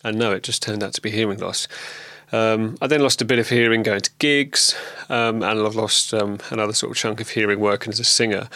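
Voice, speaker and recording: A fairly low-pitched man talks into a close, dry mic in a casual video diary. He is fighting a lingering cold and rambles loosely, with frequent ums and restarts. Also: steady tone, a little fast, pushed and bright, no room sound. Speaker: vlogger.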